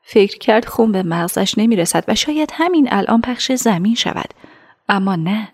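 A woman narrating a radio drama in a measured, hushed storytelling voice. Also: medium pitch, expressive.

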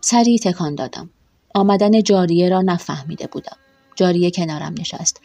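A woman narrating a first-person audiobook in a measured, emotional storytelling manner, with a husky voice. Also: on the low side, mellow, dry recording.

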